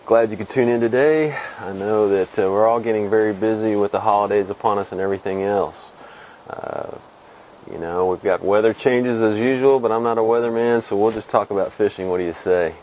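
A Texan man in his fifties, host of a fly fishing show, gives a casual weekly fishing report to camera from under a shed with a corrugated metal wall. His low voice moves slowly and rambles, relaxed and full of uh and um pauses. Faint outdoor ambience and slight background noise hum behind his lapel mic on this low-quality recording.

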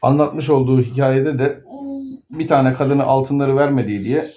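A man's voice: medium pitch, steady tone, normal speed. A man conducting an informal interview, prompting and summing up what he is told. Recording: dull, lo-fi recording.

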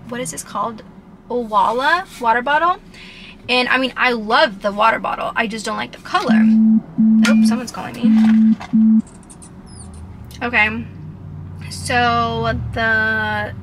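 Young woman vlogger, rambling casual chat, bright and crisp tone, camera held close. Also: fairly high pitch, a little hiss or hum. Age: young adult. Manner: chatty, rambling, with fillers. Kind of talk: casual vlog talk to camera. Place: home kitchen, then inside a parked car.

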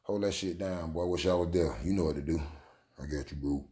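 A young man from Jacksonville, Florida, giving loud, excitable casual commentary on basketball clips, swearing a lot and breaking into shouts. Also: deep voice, brisk, breathy edge.

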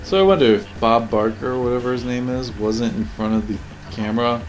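A video game reviewer gives casual, opinionated commentary on cutscenes, rambling and musing in questions over game music. His medium-pitched voice is brisk, and the background is noisy.

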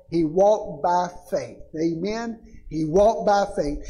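Male pastor, very high voice, unhurried sermon delivery, asks the congregation for amens. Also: a little mellow, low-quality recording. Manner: preaching with rising emphasis, calling "Amen?" to the congregation. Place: church sanctuary.

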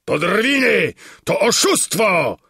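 Male narrator playing a loud boasting storybook warrior, raspy and bright, dry sound. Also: high voice, big pitch swings, takes it slowly, no room sound, pitched above the performer's own voice, heavily acted. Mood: outraged. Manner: blustering, defiant shouting. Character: boastful armored bearded warrior, grown man, brash. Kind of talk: audiobook character voice.

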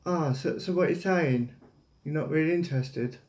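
A prank caller in his thirties, English-accented, talks casually on the phone with a fairly high, slightly mellow voice at normal speed, hesitating and rambling as he goes. He's in a small indoor domestic room, and a camera roughly arm's length off records him amid echo.

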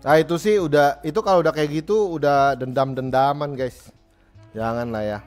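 A man chats casually on a livestream, reading viewer messages aloud and answering with joking, slangy advice. His voice sits a bit higher than most men's, and soft music plays faintly behind him.

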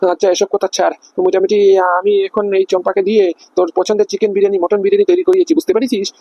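Rough-edged and husky, this is a man playing a fussing cartoon husband who coaxes his wife at a rapid clip. He rambles, with one filler after another. The dull, dry, lo-fi recording keeps his dark voice close. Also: high voice, level tone, no room sound. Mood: coaxing. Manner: coaxing, rambling, full of fillers. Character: fussing, coaxing middle-aged cartoon husband. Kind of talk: cartoon comedy voice acting.

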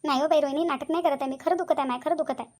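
A woman's voice: high-pitched, steady tone, rapid-fire, darkish tone, natural voice. A woman voicing a sly, lazy middle-aged aunt in a cartoon, talking with a Vidarbha Marathi accent in a whiny, pleading way. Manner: whiny, pleading, dialect-heavy. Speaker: cartoon voice actor. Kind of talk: cartoon dialogue.

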